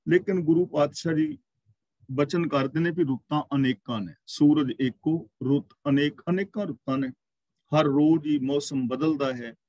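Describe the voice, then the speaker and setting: A man teaching a scripture class, explaining verses word by word and slowly intoning the quoted lines. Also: a little high, a little mellow, no room sound, lo-fi sound. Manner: explains verse word by word, slow chanted quotations. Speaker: katha teacher. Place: gurdwara class, online. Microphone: video call.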